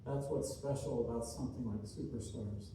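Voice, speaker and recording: Heard from afar in an echoey seminar hall, a very mellow motivational speaker gives an inspirational keynote to a live room. His mid-range voice holds a steady tone while he earnestly and deliberately repeats short, emphatic phrases. Faint noise sits under the recording.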